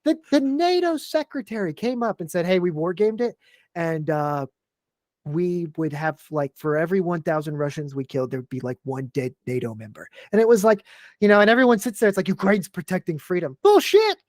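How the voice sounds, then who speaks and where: A man's voice: high voice, animated, a little fast, no echo. A man guest on a podcast, ranting in a fired-up, heavily profane casual chat.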